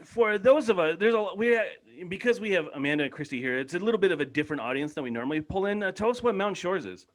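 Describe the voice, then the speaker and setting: Lively, animated man hosting a podcast. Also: high voice, rapid-fire, few pauses. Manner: lively, laughing, teasing. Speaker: podcast host. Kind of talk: casual video-call podcast chat. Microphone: video call.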